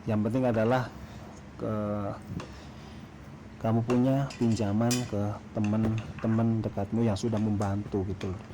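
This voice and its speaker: Man storytelling casually over clear background noise. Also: lowish voice. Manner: hesitant, halting delivery with throat-clearing. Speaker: food vlogger telling a story.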